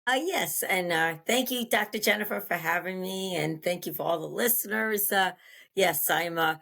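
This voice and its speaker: An older woman from Long Island, New York, speaks in a slightly low voice. She tells personal stories casually, haltingly, rambling and doubling back on her phrases. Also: creaky, fairly bright tone. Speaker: podcast guest.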